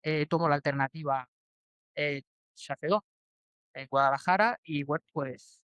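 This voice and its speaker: A man's voice: fairly high pitch, a little slow, fairly bright tone, clean tone, dry recording, highs cut off. A Spanish man in his forties, a guest in a casual interview, answering in a hesitant way with many restarts and fillers. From Spain. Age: 40s. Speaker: bullfighter guest.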